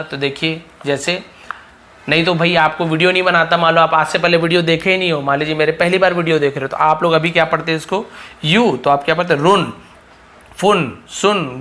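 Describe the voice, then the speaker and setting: Man, young adult, slightly high voice, English phonics teacher, drawn-out repeated vowel sounds. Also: sharp tone. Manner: drawn-out phonics demonstrations, addresses viewers as sir-style students. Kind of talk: spoken lesson at a board.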